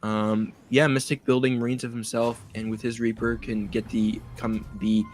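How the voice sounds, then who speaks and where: A man's voice: mid-range voice, level tone, moderate pace. A man casting a live strategy game match, chatting and explaining the plays. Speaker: esports caster. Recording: faint music behind.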